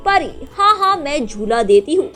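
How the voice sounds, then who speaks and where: A woman's voice: sits high, big pitch swings, measured pace, sharp tone, faint music behind, full character voice. A woman voicing a cheerful little girl who talks in eager, breathless exclamations. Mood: excited. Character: cheerful little girl, excited about ice cream.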